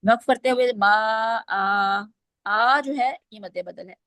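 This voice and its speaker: A woman's voice: on the high side, normal speed, no echo. A woman teaching Quranic recitation rules, explaining step by step and quizzing her students. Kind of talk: online class lesson.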